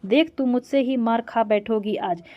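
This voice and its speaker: A woman reading the part of a tired, sharp-tongued older daughter from a script. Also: on the high side, normal speed, muffled recording, natural voice. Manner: read aloud plainly from a script.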